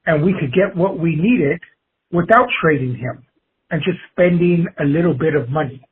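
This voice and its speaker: A man leaving a voicemail played over a phone line, giving his opinion as a caller in a measured, halting way with pauses between phrases. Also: fairly high pitch, breathy edge.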